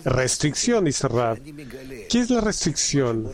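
Slow, halting male interpreter. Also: medium pitch, very animated, a little mellow. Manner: halting, with frequent restarts and repeated words. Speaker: simultaneous interpreter. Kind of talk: live interpretation of a spiritual lesson.

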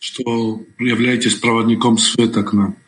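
A man calling in with a question, speaking formally and politely with hesitant pauses, his voice echoing over a remote call line. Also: medium pitch, flat delivery. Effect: echoing remote call audio. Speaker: caller asking a question. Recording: echoey remote call line heard from a distance.

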